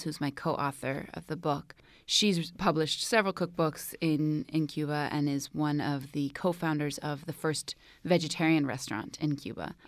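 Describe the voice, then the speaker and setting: Low, dry-sounding woman, 30s, radio guest; thoughtful, explanatory delivery. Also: no echo. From Oakland, California. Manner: thoughtful, explanatory, some restarts. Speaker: cookbook co-author, studio guest. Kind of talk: radio interview. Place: radio studio.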